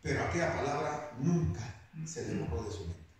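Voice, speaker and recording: A man preaching a sermon, slow and emphatic, rising now and then into shouts. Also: mid-range voice, sing-song. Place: church hall. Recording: very echoey hall, voice picked up from a distance.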